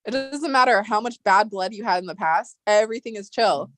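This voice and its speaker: A woman with a medium-pitched, slightly bright voice talks fairly quickly as she hosts a casual chat. She speaks freely, laughs often, and pokes fun at herself.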